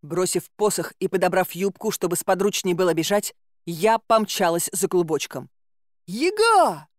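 A woman's voice: on the low side, fairly even intonation, moderate pace, dry recording, studio quality. Woman reading a wry fairy-tale audiobook. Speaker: audiobook narrator. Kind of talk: first-person audiobook narration.

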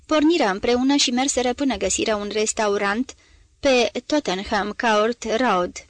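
A woman's voice: on the high side, no room sound. Woman reading a novel aloud, dry. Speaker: audiobook reader. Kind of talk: literary audiobook narration.

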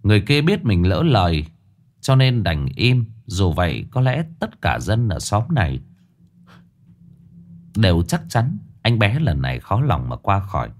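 A man narrating a ghost story in a dramatic, expressive reading. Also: on the low side, a little slow.

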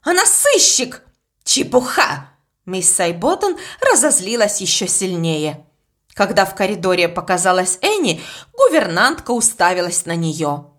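A woman narrating a children's audiobook in an expressive storytelling manner. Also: lowish voice, normal speed.

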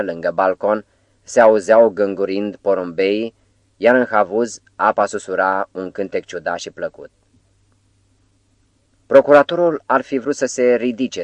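Deep-voiced male audiobook narrator. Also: no echo. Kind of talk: scripted narration.

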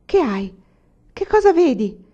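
A woman's voice: high voice, very animated, unhurried, dark tone, highs cut off, voice pushed up. A woman reading the part of a young, anxious peasant girl who asks short, wondering questions.

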